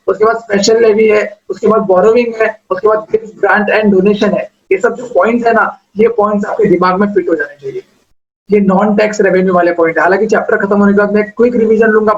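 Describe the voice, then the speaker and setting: A man's voice: sits high, lo-fi sound. A male teacher giving a lecture, explaining step by step and asking questions that he answers himself. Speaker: commerce teacher. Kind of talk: classroom lecture.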